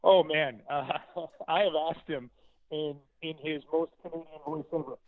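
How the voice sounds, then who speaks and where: Male broadcaster guest on a phone line: confident, wry, a bit high-pitched, dry and tinny. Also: normal speed, no room sound. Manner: confident, joking, lively analysis. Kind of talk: sports talk call-in.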